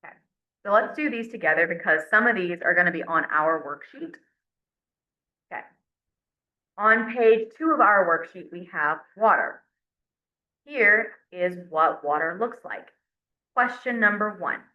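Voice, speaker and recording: Her voice is lowish and lively, a little slow, with long pauses as she teaches chemistry in a casual lecture. She breaks things down step by step and now and then counts aloud at the board, captured on a dull, lo-fi recording with roomy classroom echo.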